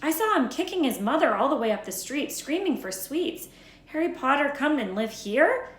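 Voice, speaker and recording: A woman's voice: high-pitched, big pitch swings, moderate pace, echoey room, pitched above the performer's own voice. A woman voicing an anxious, exasperated older witch professor from a storybook, stern, incredulous and emphatic. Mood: outraged.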